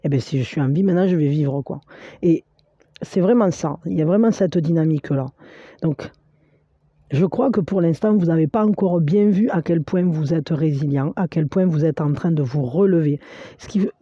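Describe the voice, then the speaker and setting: A woman giving a spiritual tarot card reading, speaking straight to the viewer in an encouraging, halting way full of fillers and restarts. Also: sits low, warm tone, dry recording, dull audio.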